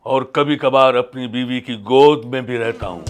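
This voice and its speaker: A man's voice: mid-range voice, unhurried, clean tone, soft background music, voice pushed down, natural voice. A man playing a bumbling, lecherous fake faith-healer baba in a comedy sketch, chanting like a street hawker and flaring up in mock anger. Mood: comic. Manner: loud, sing-song hawker chants, sudden angry outbursts.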